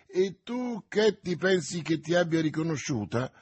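A bold young swordsman speaks earnestly and gives orders, read by a man in a husky, slightly high voice. It sounds like an audiobook reader in his own voice rather than a full character turn. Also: expressive, unhurried, a little mellow, dry recording. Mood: commanding. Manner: earnest, commanding.

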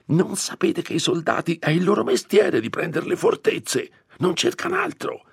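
A man voicing a fearful, irritable old village priest who scolds in a hushed, anxious voice, raising his pitch well above his own. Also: animated, moderate pace, gravelly, husky, no echo, studio quality, full character voice. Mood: fretful scolding.

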